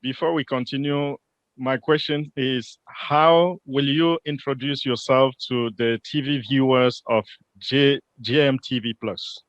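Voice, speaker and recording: Male interpreter, slow and measured, dull dry sound. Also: medium pitch, fairly even intonation, dry recording.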